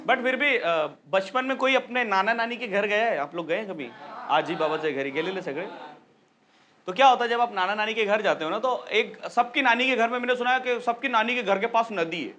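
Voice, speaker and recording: High-voiced stand-up comic. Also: male voice, fairly quick, hardly any pauses, a little hiss or hum. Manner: animated storytelling, acts out characters. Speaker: stand-up comedian. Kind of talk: stand-up comedy set.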